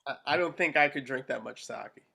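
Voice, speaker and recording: A man's voice: mid-range voice, fairly quick, creaky, pushed and bright. A man playing a polite, stammering Japanese student. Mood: apologetic. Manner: hesitant, stammering.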